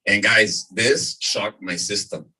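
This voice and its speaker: A man in his thirties, from the California desert, giving an energetic live sales presentation to a room. He keeps repeating his points and asking "right?". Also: on the low side, slow, breathy edge. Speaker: presenter at a business opportunity meeting. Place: meeting room before an audience. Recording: voice from far off in a room.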